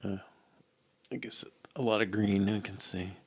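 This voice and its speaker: An older man live-codes a mobile app at a desk in a small indoor room, thinking aloud in a casual, hesitant mutter to himself. His voice is fairly low, steady and husky, with vocal fry and a measured pace. There's no room sound.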